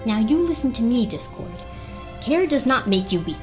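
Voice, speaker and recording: A woman voicing a stern, earnest pony princess in a dramatic comic reading, speaking in a formal, measured manner. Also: fairly high pitch, expressive, over music, close to an everyday voice.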